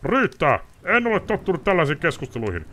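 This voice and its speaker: A man reading aloud and voicing a furious, frightened nobleman in a high, loud, ranting voice. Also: very animated, a little hiss or hum. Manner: shouting, ranting, pleading. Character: furious panicking male nobleman.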